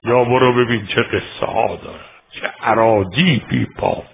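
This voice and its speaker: A man's voice: on the low side, gravelly, a little hiss or hum. Tinny-sounding man preaching an emotive sermon. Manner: emotive, swings from quiet to crying out. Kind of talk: religious sermon with storytelling.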